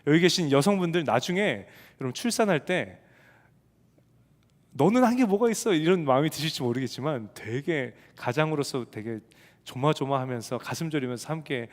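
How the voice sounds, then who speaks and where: A man preaching in a church, telling a personal story in an animated way and putting questions to the congregation. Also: mid-range voice. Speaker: pastor of a young adults ministry. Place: church sanctuary. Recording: reverberant church hall.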